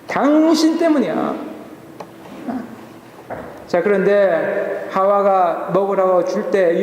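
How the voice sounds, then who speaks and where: A man's voice: high voice, echoey room, in a large hall, slight background noise. A male pastor preaching a sermon, asking the congregation rhetorical questions and telling stories. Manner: asks the congregation rhetorical questions, lively storytelling. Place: church sanctuary.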